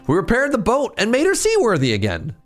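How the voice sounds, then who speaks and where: Chipmunk-voiced eager boy advisor, put on by a male gamer, lively and sing-song, faint music under. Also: brisk. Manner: high squeaky chipmunk voice. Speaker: gamer reading game dialogue aloud. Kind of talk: let's play voice acting.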